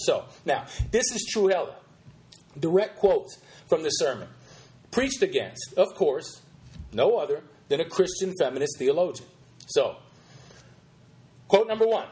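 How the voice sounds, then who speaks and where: High-voiced sarcastic male podcast host. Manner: emphatic and sarcastic, with frequent restarts. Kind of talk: critical commentary on sermon quotes.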